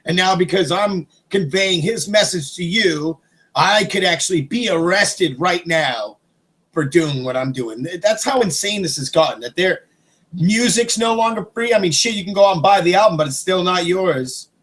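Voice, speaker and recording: A man's voice: sits high, lively intonation, normal speed, fairly bright tone. A man vlogging a profane, rambling political rant, agitated and swearing. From United States.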